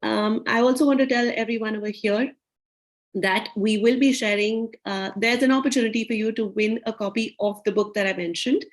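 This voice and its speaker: A woman's voice: fairly high pitch, fairly even intonation, fairly quick. A woman hosting a virtual talk show, welcoming guests and inviting questions, with frequent fillers, over a video call.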